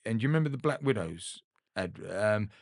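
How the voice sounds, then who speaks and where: A middle-aged man with a lowish voice tells his story in a relaxed, rambling way and acts out the lines of the people in it. The sound is dry and close, with no room around it. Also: fairly quick, no echo. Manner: rambling, earnest, acts out quoted dialogue. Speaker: guest, ocean rower. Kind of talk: casual storytelling interview.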